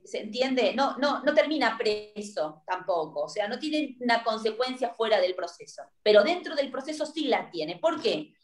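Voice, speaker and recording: A woman with an Argentine accent gives a university law lecture, explaining step by step and checking in often with her listeners. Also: on the high side. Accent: Argentine Spanish. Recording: roomy echo.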